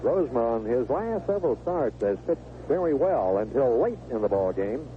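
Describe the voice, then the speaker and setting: This is a man calling live baseball play-by-play on the radio from a stadium broadcast booth, his medium-pitched voice very animated at a normal speed. The sound is a narrow, noisy 1970s AM radio broadcast.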